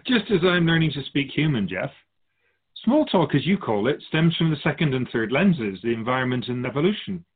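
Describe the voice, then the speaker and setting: Through a muffled, narrow, phone-like band, a man with a fairly high voice plays a wise spirit from beyond in a radio drama. Calm and measured, he explains things philosophically in an amused tone, gently teasing the humans he guides.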